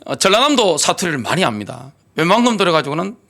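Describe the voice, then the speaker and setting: Middle-aged male pastor, Gyeongsang accent; high, animated sermon delivery with rhetorical questions. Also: fast talker, creaky. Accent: Gyeongsang Korean. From Gyeongsang region, South Korea. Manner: emphatic preaching with rhetorical questions.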